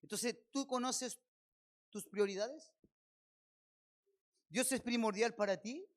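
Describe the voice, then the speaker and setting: A man with a Chilean accent preaching a sermon as pastor at a church service, firing rhetorical questions at his congregation and swelling loud on key phrases. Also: very high-pitched, slow pace.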